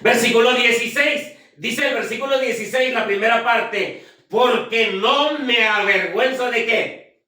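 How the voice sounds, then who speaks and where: A preacher delivering a sermon, asking the congregation questions and counting off points. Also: male voice, very high-pitched, measured pace, bright, forceful tone, far from the mic. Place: church. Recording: echoey church heard from afar.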